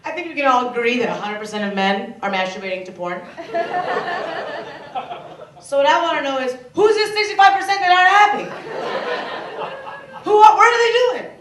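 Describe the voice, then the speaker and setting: A young woman from Michigan performing a stand-up comedy set in a club, playful and animated, slipping into voices of other people. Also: sits high, fairly quick, pauses often. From Michigan, USA. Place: comedy club stage before a laughing audience. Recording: roomy, distant club recording with noise.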